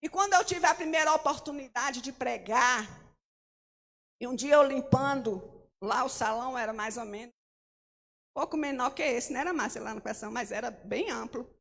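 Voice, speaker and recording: A woman's voice: high voice, normal speed, creaky. A middle-aged woman missionary giving an emphatic testimony sermon in church, often calling out to the congregation. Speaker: missionary preacher. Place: church hall. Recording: long hall reverb.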